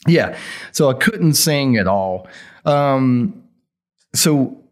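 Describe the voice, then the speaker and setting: Animated and stretching out his words, the man speaks at a medium pitch. As a guest in an interview, this middle-aged heavy metal singer swaps stories in relaxed, down-home language thick with a Southern US accent.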